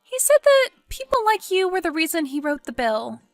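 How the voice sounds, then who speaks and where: A woman voicing an excitable, pushy young woman friend in an animated story, exclaiming and goading. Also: very high voice, moderate pace, no room sound, faint music behind, pitched above the performer's own voice, heavily acted. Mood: worried.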